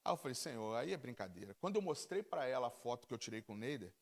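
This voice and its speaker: A male pastor with a Brazilian Portuguese accent, telling a testimony as a story during a church sermon, with animated, halting restarts. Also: mid-range voice. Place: church service.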